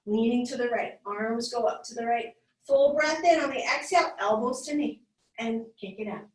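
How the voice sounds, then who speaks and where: Winded woman cueing a yoga weights class. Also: on the high side. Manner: cueing moves, encouraging, slightly winded. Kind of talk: live class instruction. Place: yoga studio. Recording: echoey room, voice from far off.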